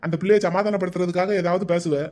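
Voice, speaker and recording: A man voicing a grumpy, teasing old grandfather in a cartoon, with a gruff, mocking delivery. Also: high voice, flat delivery, fast, a little mellow, lightly acted. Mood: scornful. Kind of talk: cartoon voice acting.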